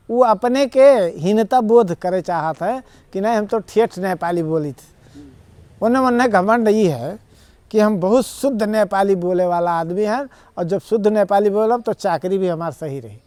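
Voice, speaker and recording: A man with an Awadhi accent, a guest in a conversational TV interview, argues his points earnestly through long, rambling explanations. His voice sits high with a darkish tone, and there is no echo.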